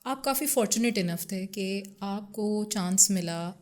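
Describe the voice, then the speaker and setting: A woman's voice: medium pitch, a little mellow. A woman interviewing a guest on a podcast, asking questions and murmuring short acknowledgements as she listens.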